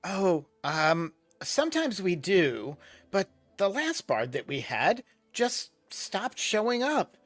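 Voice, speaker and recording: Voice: medium pitch, big pitch swings, slow pace, a bit bright, faint music behind, voice pushed up, exaggerated voice. A game master voicing a casual, matter-of-fact female tavern server.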